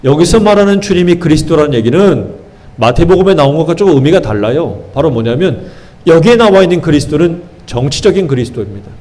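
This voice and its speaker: A man's voice: on the high side, very animated, fast, darkish tone. A male pastor preaching a sermon, asking the congregation rhetorical questions and stressing phrases by drawing them out.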